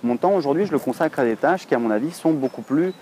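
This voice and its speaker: French guy in his 30s vlogging outside in the city, mellow low-key voice, lots of ums, faint street noise. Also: animated, quick pace. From France. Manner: chatty, rambling, many hesitations. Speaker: online English teacher, blogger. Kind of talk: casual to-camera vlog.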